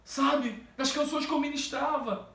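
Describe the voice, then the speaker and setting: A man giving an emotional religious testimony as a gospel singer, fervent and halting, with many restarts and drawn-out repeats. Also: extremely high pitch, steady tone, vocal fry, a bit bright. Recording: roomy and distant from the mic.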